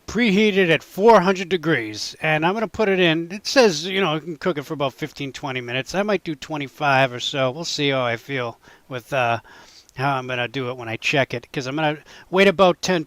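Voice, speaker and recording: A man's voice: on the high side, fairly bright tone, no echo. A man narrating his own home cooking vlog in a casual, chatty way, joking at himself and speaking straight to his viewers. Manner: chatty, self-mocking, talks to viewers.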